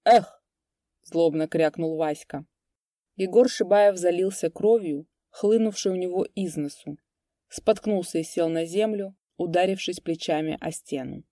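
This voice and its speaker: A woman narrating a classic story as an audiobook, lifting her voice for the shouted lines. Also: normal speed, dry recording, clean studio sound. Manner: raises pitch and volume for shouted dialogue.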